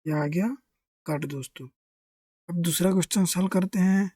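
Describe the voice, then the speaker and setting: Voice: medium pitch, moderate pace, mellow, no room sound, clean studio sound. A maths teacher giving a step-by-step lesson, asking questions and answering them, and keeping to a friendly address to the viewers. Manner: keeps addressing listeners as friends.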